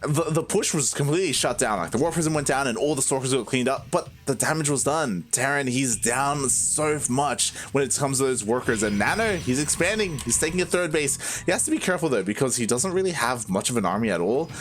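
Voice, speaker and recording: A man's voice: medium pitch, expressive, fairly quick, few pauses. A man giving casual, conversational live commentary on a game in an informal way. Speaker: esports commentator.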